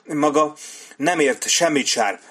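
A man's voice: a little high, animated, bright, forceful tone, slightly rough, voice pushed up, full character voice. Male reader doing a nervous, pleading traitor officer, pushed-up strained voice, storybook scene. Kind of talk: audiobook character voice.

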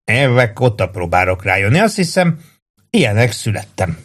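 A man reading aloud and voicing a glum young soldier who answers quietly and sadly. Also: fairly low pitch, sing-song, husky, heavily acted.

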